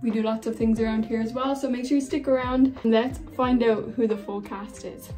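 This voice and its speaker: A woman's voice: on the high side, darkish tone. A woman in her twenties casually gossiping and giving opinions in a reaction vlog. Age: 20s. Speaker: reaction vlogger.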